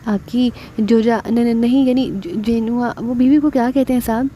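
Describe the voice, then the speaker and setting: A woman's voice: on the high side, steady tone, normal speed, warm tone, slight background noise, natural voice. A woman voicing a fussy, cheeky male servant who grumbles and stumbles over his words. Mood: grumbling.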